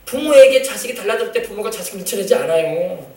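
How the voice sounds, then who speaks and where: His voice high and bright, a male pastor moves quickly through a sermon in a church sanctuary with lively intonation. He stresses points, calls out to the congregation and dramatizes family scenes; the far-off mic makes it sound echoey.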